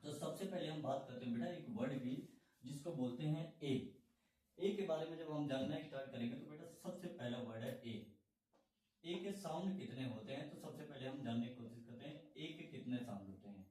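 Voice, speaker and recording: A man's voice: mid-range voice, warm tone, recorded from a distance, slight background noise. Male teacher in an echoey room. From India. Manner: explains slowly, repeats questions to students, calls them "beta". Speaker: English teacher. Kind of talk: classroom-style lesson.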